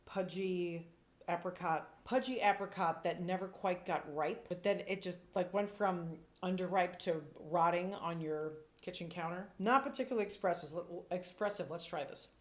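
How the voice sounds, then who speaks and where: A woman's voice: lowish voice, normal speed. A woman sommelier giving casual tasting commentary, thinking aloud with playful, descriptive asides. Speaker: sommelier reviewing wines.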